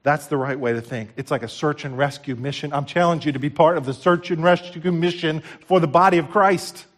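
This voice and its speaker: Guy preaching a sermon, pretty high voice, really emphatic, repeats lines and goes from quiet to loud. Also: steady tone, brisk. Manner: emphatic, exhorting, with repeated phrases; swings between hushed asides and loud, high exclamations.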